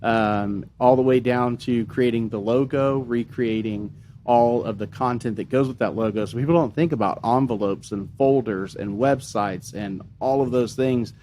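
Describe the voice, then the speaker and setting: A man hosting a business podcast, talking in a relaxed, conversational way with lots of "you know" and "um". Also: medium pitch, moderate pace, a little hiss or hum. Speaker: podcast host, marketing agency owner. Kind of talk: casual podcast chat.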